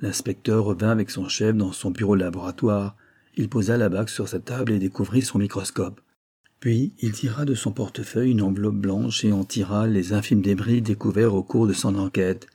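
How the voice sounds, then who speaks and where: Un homme qui lit à voix haute un roman policier en faisant les voix des personnages. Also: male voice, fairly low pitch, steady tone, mellow, husky. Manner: measured storytelling, voices the characters. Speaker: audiobook narrator. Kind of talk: reading a detective novel aloud.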